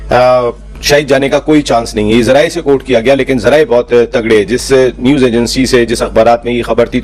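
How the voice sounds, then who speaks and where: A man's voice: medium pitch, a little mellow, low-quality recording. A man from Pakistan hosting a studio sports show, scornful and full of rhetorical questions. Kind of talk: studio talk show commentary.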